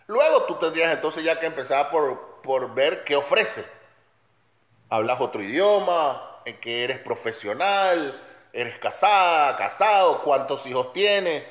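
Man, fairly high voice, emphatic ranting, roomy echo. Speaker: commentator. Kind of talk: opinionated monologue.

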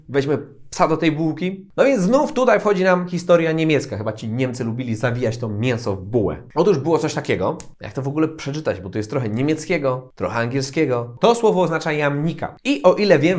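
A man from Poland giving a casual video lesson as an English teacher, playful, with joking asides and mock outrage. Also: fairly high pitch.

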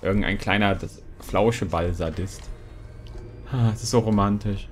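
A young man from Saxony-Anhalt, Germany, hosts a let's play, chatting and joking playfully as he works through a co-op video game. His voice is lowish and he talks at a normal speed.

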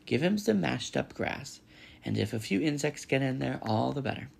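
A man voicing an old gray female goose in a storybook, brisk, scolding and bossy, with indignant, emphatic squawking. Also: medium pitch, animated, gravelly, husky, voice pushed up, heavily acted. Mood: brisk, advising.

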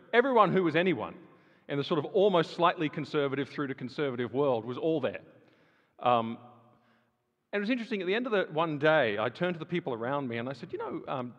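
Addressing a live audience in a big hall, this man gives a sermon-like talk as a guest speaker in a fairly high, fairly bright voice. His delivery is conversational, with fillers and emphasis that rises. The sound is dull, carrying a long reverb from the hall.

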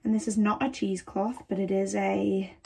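A woman's voice: medium pitch, little pitch movement, normal speed, vocal fry, dark tone, slightly rough. A young woman vlogging casually into a handheld phone, chatty and confiding, laughing at herself. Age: young adult. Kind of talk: casual vlog chat. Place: home kitchen and city streets. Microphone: phone camera held close.

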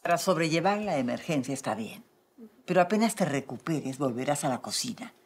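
A poised, faintly aloof woman restaurant owner. Her voice sits low for a woman yet rises and falls expressively, and her delivery stays measured. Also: animated, breathy edge, full character voice.

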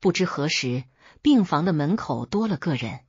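Husky, low woman telling a story. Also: animated, normal speed, a little mellow, no room sound. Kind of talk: first-person story narration. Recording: dull lo-fi audio.

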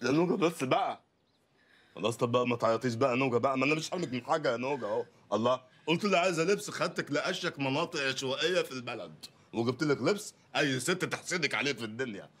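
An actor playing a poor, bumbling loudmouth lawyer husband in a comedy film, ranting and sarcastic in an Egyptian accent. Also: male voice, medium pitch, animated, racing, breathy edge. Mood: mocking. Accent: Egyptian Arabic. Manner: ranting, sarcastic, wildly swinging delivery.

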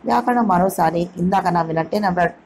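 A woman narrating an audio novel in a steady storytelling read. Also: on the low side, fast talker, a little hiss or hum, poor audio. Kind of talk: scripted narration.

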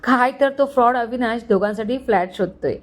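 A woman's voice: on the high side, brisk, close to an everyday voice. Greedy scheming middle-aged uncle, read by a woman, gloating and scolding.

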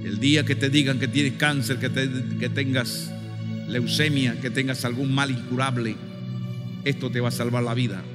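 A male preacher delivering a fervent sermon, pushing into shouted call-and-response and then dropping to low, earnest appeals. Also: fairly even intonation, normal speed. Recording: long hall reverb with faint music.

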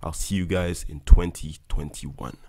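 The narrator is a young man who pilots airliners and hosts videos, reading an upbeat, explanatory script to viewers. He speaks at a measured pace in a low voice with fairly even intonation, while loud music plays in the background.

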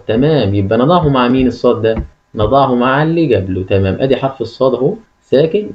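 A man's voice: medium pitch, dull audio. A man with an Egyptian Arabic accent teaches a lesson, repeating key phrases and asking the listener questions. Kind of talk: classroom-style lesson.

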